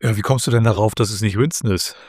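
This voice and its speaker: A man co-hosting a podcast who reads a children's fantasy story aloud in a calm, measured way. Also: fairly low pitch, slightly rough, no echo, studio quality. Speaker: podcast co-host reading a story.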